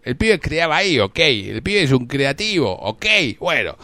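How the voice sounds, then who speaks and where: A man with an Argentine accent hosting a radio show, telling comic made-up stories of the day's anniversaries and slipping into quick voices for the people in them. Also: medium pitch, big pitch swings, sharp tone, no room sound. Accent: Argentine Spanish. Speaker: radio host.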